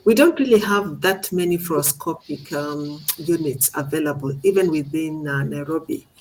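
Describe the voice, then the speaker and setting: Her voice sits low and a little mellow at a moderate pace; she's a middle-aged radiology instructor leading an informal seminar, walking through things step by step with questions as she goes. The audio is poor, with some hiss or hum.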